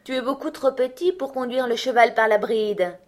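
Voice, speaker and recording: A woman's voice: fairly high pitch, moderate pace, pitched above the performer's own voice, close to an everyday voice. A woman voicing a kind, wary peasant father who speaks plainly and firmly, in a storybook reading.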